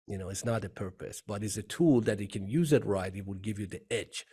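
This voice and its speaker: A man's voice: lowish voice, fairly quick, warm tone, breathy edge. A middle-aged man from Iran with an Iranian accent, an earnest CEO guest telling his story in an interview and repeating phrases. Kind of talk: interview conversation.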